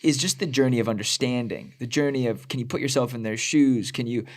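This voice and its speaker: Brief: young adult man from Southern California, relaxed talker full of fillers, mid-pitched. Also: fairly quick. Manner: casual, lots of filler likes. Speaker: podcast co-host. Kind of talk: casual conversation.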